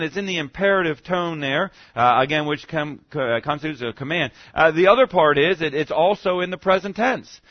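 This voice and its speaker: A man's voice: a little high, dry recording, lo-fi sound. Man preaching a chatty, questioning sermon. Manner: conversational, frequent "okay?" check-ins and rhetorical questions; stammering restarts. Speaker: pastor.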